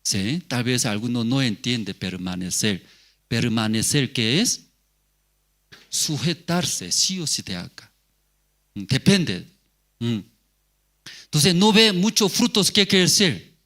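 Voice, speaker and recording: A man's voice: medium pitch, lively intonation, slow pace, pauses often, fairly bright tone. A male pastor giving a sermon, asking the congregation rhetorical questions and repeating key words.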